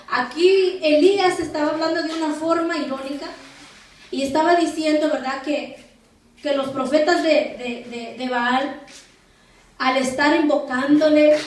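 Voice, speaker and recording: Woman pastor, high voice, teaching Bible study, slow and repetitive for note-taking, distant mic in a very echoey room. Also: steady tone. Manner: slow, repeats phrases and spells words for note-taking. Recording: echoey room from far off, faint noise.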